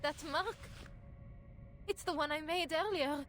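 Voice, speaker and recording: A woman's voice: high voice, a little slow, a bit bright, a little hiss or hum. An actress voicing a distraught young woman investigator, grieving and defiant, in a game. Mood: shaken. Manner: pleading, shaken, accusing.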